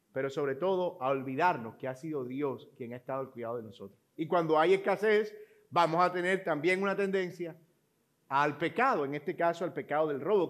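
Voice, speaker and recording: A man teaching a Bible class in a conversational way, often asking rhetorical questions. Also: on the high side.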